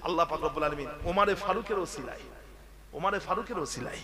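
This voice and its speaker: A man preaching a waz sermon who moves from a sing-song chant up to loud calls and retells stories by acting out the speakers' words. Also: high voice, fast, a crowd in the background.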